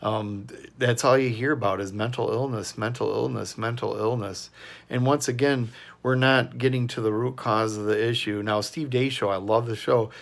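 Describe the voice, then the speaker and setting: A man's voice: mid-range voice, steady tone, moderate pace, creaky. A man hosting his own commentary channel, talking casually and earnestly in a rambling opinion monologue full of fillers and restarts.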